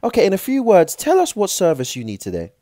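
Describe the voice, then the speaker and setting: A woman playing a brisk, cheeky automated helpline menu in a comedy skit, with sing-song scripted politeness. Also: medium pitch, wildly swooping pitch, mellow, dry recording, studio quality. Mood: unhelpful. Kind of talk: comedy skit, mock recorded announcement.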